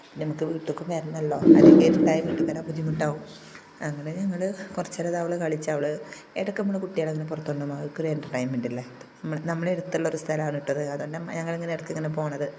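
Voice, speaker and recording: Hoarse, chatty low-voiced woman. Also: mellow, slight background noise. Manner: chatty, homely, tags sentences with "tto". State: hoarse, recovering voice. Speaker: vlogger. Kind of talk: casual vlog narration.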